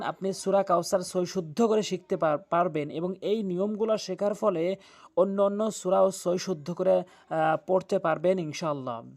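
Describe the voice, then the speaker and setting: A young man with a fairly high voice teaches Quran recitation. He is earnest and insistent and breaks each word into its letters, sounding them out syllable by syllable. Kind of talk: tajweed lesson.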